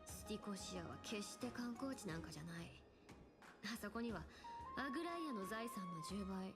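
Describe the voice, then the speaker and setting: A woman's voice: medium pitch, expressive, normal speed, loud music behind the voice, natural voice. A woman voicing a sly, breezy young female treasure-loving thief in an anime game, with a casual, teasing, cocky delivery. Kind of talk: Japanese anime game voice acting.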